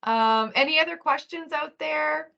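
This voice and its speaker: A woman's voice: sits high, measured pace, pushed and bright. A woman informally hosting an online class session over a video call, with hesitant phrasing. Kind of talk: informal moderating. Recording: muffled video call audio.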